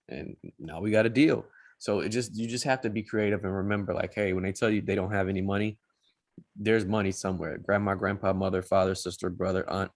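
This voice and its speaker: Fast-talking low-voiced man. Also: dry recording, clean studio sound. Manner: blunt, folksy advice with many restarts. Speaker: mortgage loan officer. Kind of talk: casual panel discussion.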